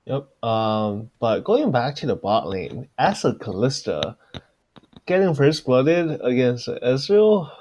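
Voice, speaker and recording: Lively male co-caster, keyboard clicks behind. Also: mid-range voice, slow, a little hiss or hum. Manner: lively, with frequent "um" and "uh". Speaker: esports co-caster. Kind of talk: live esports commentary.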